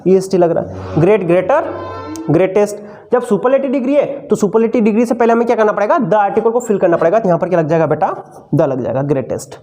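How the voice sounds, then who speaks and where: A male teacher with a high-pitched, warm voice talks fast through an exam-prep grammar lesson, with faint music in the background. He keeps posing questions to his students, answers them himself, and affectionately calls them "son".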